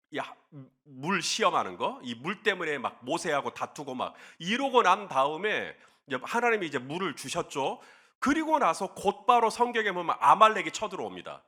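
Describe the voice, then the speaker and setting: A male pastor preaches and retells a story with lively, expressive delivery. His voice sits high and swings widely. The tone is bright and forceful. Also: normal speed. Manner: animated, expressive storytelling to the congregation. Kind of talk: sermon.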